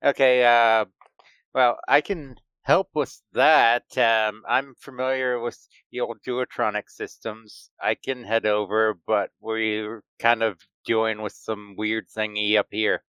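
Male tabletop player, smooth and resonant voice, playful; dry close sound. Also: on the low side, fairly even intonation, slow, a bit bright, dry recording. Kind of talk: casual tabletop game chat.

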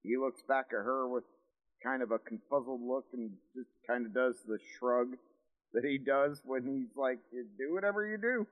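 A man's voice: medium pitch, little pitch movement, moderate pace. A man playing a tabletop role-play game, narrating his character's moves and lines. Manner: narrates his character's actions, then speaks her lines stiffly. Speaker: player. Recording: dull, echoey long-reverb sound.

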